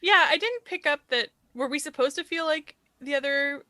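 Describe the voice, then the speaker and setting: A woman's voice: high-pitched, normal speed, sharp tone, dry recording. A woman co-hosting a film podcast, dry and dismissive in her remarks. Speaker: podcast co-host. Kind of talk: casual film-review chat. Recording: dry, close to the mic.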